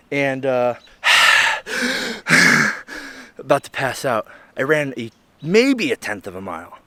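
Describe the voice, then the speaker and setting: A young man from Illinois vlogs his own story in a candid, rambling way, swearing and often asking "right?" to check in. His mid-range voice has a sharp tone, with no echo and faint music playing behind him.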